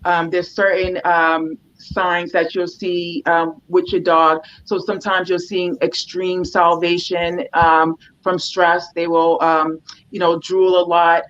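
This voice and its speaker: A dog trainer talks in a loose, conversational way at an average pitch, filling the pauses with ums and you-knows. The sound is a little dull and lo-fi. The tone stays explanatory and relaxed, like walking a client through a plan. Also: a little hiss or hum. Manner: loose, with many "um"s and "you know"s. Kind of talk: casual explanatory interview talk.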